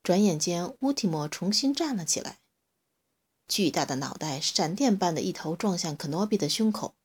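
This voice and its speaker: A woman reading a children's story aloud in an expressive, unhurried way. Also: on the low side, husky.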